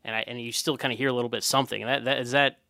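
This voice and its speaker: A man's voice: mid-range voice, steady tone, very fast, creaky, pushed and bright, dry recording, clean studio sound. A man hosting a podcast, chatting casually with lots of "like" and "right". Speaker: podcast host. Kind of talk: casual interview chat.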